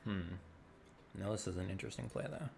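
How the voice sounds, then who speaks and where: A man's voice: sits low, fairly quick, creaky, darkish tone, slight background noise. A man giving dry, sarcastic, rambling commentary over his gameplay at home into a desk mic. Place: home room.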